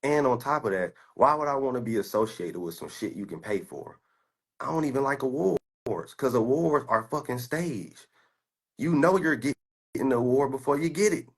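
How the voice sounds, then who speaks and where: Husky, profane young man boasting. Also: medium pitch, lively intonation, normal speed. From United States. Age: 20s. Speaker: stock trader. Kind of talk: casual rant while screen-sharing.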